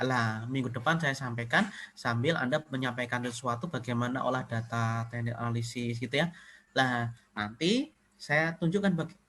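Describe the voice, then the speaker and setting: A man with an Indonesian accent, a university lecturer teaching an online class in a relaxed, conversational way, mixing casual slang into his explanations and checking whether students can hear him. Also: medium pitch, a little hiss or hum. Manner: repeatedly asks if he can be heard.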